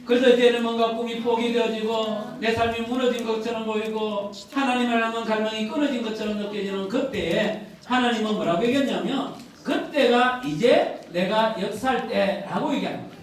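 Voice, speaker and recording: A man's voice: very high-pitched, normal speed. A male pastor preaching a sermon in a chatty way, often asking the congregation rhetorical questions. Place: church sanctuary. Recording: very echoey hall, voice from a distant mic.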